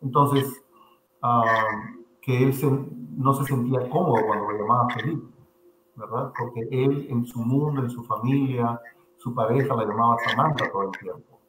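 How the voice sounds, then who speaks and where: A man's voice: medium pitch, moderate pace, fairly bright tone. Male host, hesitant and filler-heavy, recorded in an echoey room with noise. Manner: hesitant, many fillers like 'este'. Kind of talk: interview conversation. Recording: roomy with noticeable noise.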